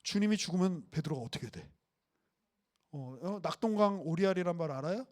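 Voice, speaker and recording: A man's voice: high-pitched, fairly quick. A man preaching a casual, conversational sermon who asks the congregation questions. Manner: animated, acts out voices of Jesus and Peter, asks the congregation questions. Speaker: pastor.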